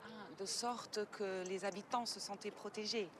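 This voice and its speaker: A woman's voice: mid-range voice, steady tone, normal speed, noisy background, close to an everyday voice. An actress playing a patient, formally polite history professor from Portugal, explaining things to her daughter outdoors. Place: outdoors at an ancient site.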